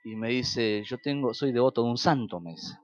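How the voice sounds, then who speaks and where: A man's voice: mid-range voice, normal speed, no echo, dull audio. A man with an Argentine Spanish accent preaching a sermon as pastor, telling stories and acting out quoted dialogue with sudden rises and drops.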